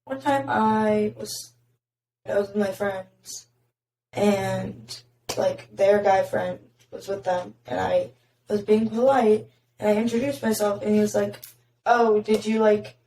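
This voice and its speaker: A young woman with a raspy voice, hosting a podcast and telling stories in casual chat full of "like" fillers. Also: mid-range voice, slow, mellow. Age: young adult. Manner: chatty storytelling, many "like" fillers. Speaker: podcast host. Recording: roomy echo, faint noise.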